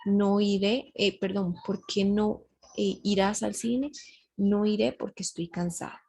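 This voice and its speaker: A woman's voice: medium pitch, fairly even intonation, unhurried, gravelly, warm tone, slightly rough, rough recording. A woman teacher giving a grammar lesson, patient and explanatory, often checking her students follow along.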